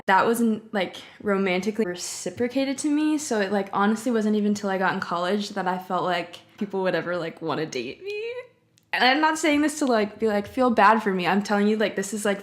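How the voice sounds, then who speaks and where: A woman in her twenties chatting informally and candidly as a singer-songwriter vlogger, with plenty of casual slang. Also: mid-range voice. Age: 20s. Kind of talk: casual personal chat.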